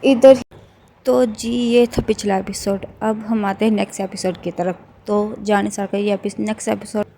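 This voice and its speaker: Flat-voiced woman recapping a drama. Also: medium pitch, few pauses, slight background noise. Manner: steady flat narration with restarts. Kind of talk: casual retelling of a TV drama plot.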